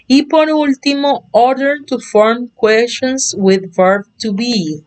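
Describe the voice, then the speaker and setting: Woman teacher going real slow through english basics, patient, repeats every example, spanish is her first language. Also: mid-range voice. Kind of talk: slow explanatory online lesson.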